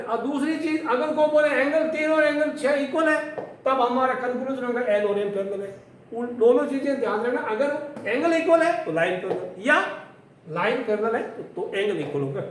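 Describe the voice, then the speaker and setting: High-pitched teacher in an echoey room. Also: male voice. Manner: reads English definitions very slowly, word by word. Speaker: math teacher. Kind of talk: classroom lesson mixing Hindi and English. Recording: echoey room from far off with faint noise.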